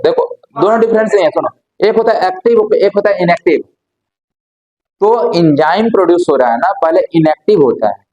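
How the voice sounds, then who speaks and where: A man's voice: on the high side, a little mellow, poor audio. A man teaches a class. His lecture is chatty and informal. He keeps throwing questions at the students and answering them himself. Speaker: biology teacher.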